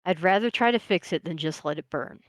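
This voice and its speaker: A tired, determined man, as a woman player puts him on in a tabletop game, grudging and dry in his speech. The voice sits low, and the recording is close and dry with no room sound. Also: expressive, fairly quick, no echo, close to an everyday voice.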